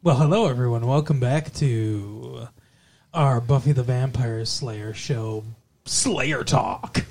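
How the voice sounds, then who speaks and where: A man's voice: medium pitch, slow, creaky, a little mellow. Goofy rambling male podcast co-host. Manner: goofy, rambling, swears freely. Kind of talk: casual chat.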